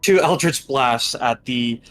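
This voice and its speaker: A man's voice: mid-range voice, takes it slowly, fairly bright tone. A man playing a tabletop game, talking casually and hesitantly about his turn. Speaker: player.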